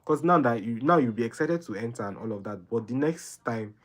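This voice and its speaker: Animated and a little fast, with a medium-pitched voice, a young Nigerian host answers viewer questions live. He gives heartfelt, rambling advice, circles back over the same points, and often ends sentences with "right?".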